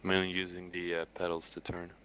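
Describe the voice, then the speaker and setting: Low-voiced man chatting as pilot. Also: monotone, fast, pushed and bright, poor audio. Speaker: military sim pilot. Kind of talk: casual gaming chat with some radio calls. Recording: voice chat with faint background noise.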